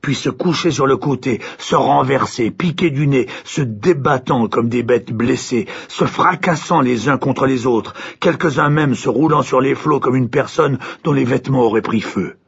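A man reads a fairy tale aloud with expressive, dramatic pacing. His voice is mid-pitched and markedly husky, almost breathy. The recording is dull and lo-fi. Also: normal speed, few pauses. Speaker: narrator. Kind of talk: storybook narration.

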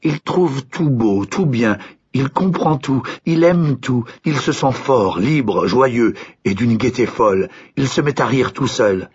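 A man narrates a fairy tale with a lively, swooping pitch. His voice is husky and slightly breathy, and the recording sounds dull and lo-fi. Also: slow pace. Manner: expressive, varied storytelling. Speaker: storyteller.

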